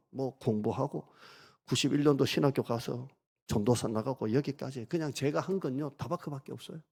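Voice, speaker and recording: Gravelly-voiced male pastor preaching. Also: mid-range voice, darkish tone. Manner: conversational, asks the congregation questions. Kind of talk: sermon.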